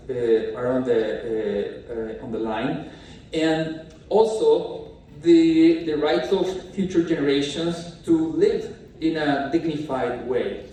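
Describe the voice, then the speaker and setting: A man from Colombia giving a lecture in a halting way, with many fillers and restarts. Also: mid-range voice, warm tone, slight background noise. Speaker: speaker at a talk. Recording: echoey hall, distant mic.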